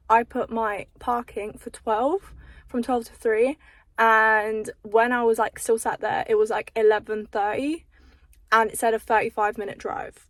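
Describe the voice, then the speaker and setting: A woman's voice: fairly high pitch, a bit bright, dry recording. A young woman in a casual vlog chat, talking in a chatty way with "like" in nearly every line. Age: young adult. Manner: chatty, fillers of "like" throughout. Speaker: vlogger.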